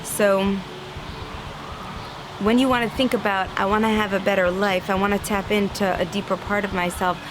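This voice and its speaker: A woman gives an earnest, inspirational religious talk at a normal pace and medium pitch, with background noise present. She's lively, acts out inner voices, and laughs lightly at times.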